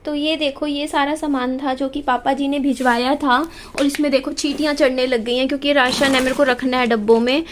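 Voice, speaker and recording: Chatty high-voiced young woman vlogging. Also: flat delivery, fairly quick, hardly any pauses, a little hiss or hum. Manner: chatty, mixes English words into Hindi. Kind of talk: casual home vlog. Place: indoors at a hospital stay.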